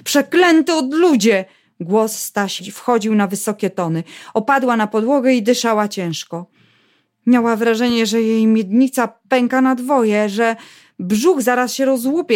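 A woman reading a novel aloud in a steady, measured storytelling voice. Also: a little high. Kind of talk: audiobook narration.

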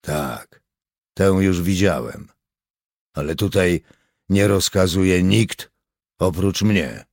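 A man voicing a suspicious, grim male partisan leader with a terse, gruff manner. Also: deep voice, takes it slowly, no echo, studio quality, exaggerated voice. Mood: sullen.

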